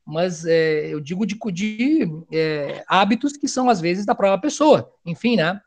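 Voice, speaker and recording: A middle-aged man, a family counselor giving a loud, animated talk to parents. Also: sits high, a little slow. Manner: loud, animated, talks of speaking loudly.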